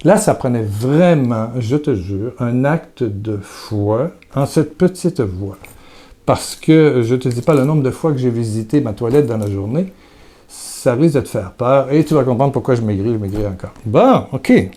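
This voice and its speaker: Mellow-voiced man giving a hesitant devotional talk. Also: medium pitch, lively intonation, unhurried. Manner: hesitant, repeats words, speaks intimately to the listener.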